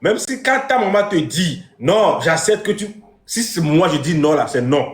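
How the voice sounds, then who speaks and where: Man, stern lecturing live host, slightly high voice, echoey room. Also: sing-song, moderate pace. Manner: lecturing, emphatic, repeats phrases. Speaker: live stream host playing a strict father. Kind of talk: comic live-stream banter. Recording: roomy echo.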